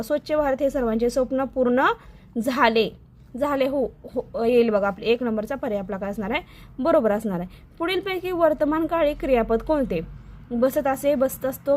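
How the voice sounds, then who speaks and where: High-voiced woman teaching a grammar lesson. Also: darkish tone, a little hiss or hum. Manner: explains step by step, repeating word forms slowly. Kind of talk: exam-prep grammar lesson for young students.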